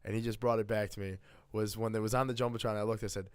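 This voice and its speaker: A young man with a lowish voice co-hosts a casual sports podcast. He rambles and repeats himself as he talks. The sound is close and dry. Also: flat delivery, fast, darkish tone, smooth, no echo. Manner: loose, rambling, repeats words. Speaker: podcast co-host.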